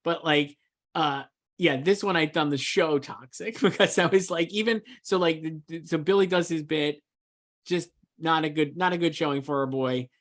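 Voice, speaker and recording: This man co-hosts a relaxed film discussion and works as a film awards editor. His voice runs on the high side at a normal speed with a slightly bright tone. He talks emphatically and loosely, repeating filler words a lot, in casual chat about movies.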